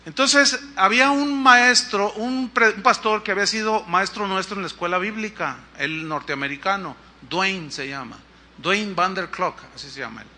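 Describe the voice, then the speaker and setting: A man's voice: normal speed, sharp tone. A man, a pastor telling a testimony in a sermon, acting out the voices in his story. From Mexico. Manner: storytelling, acts out dialogue with shifting pitch and volume.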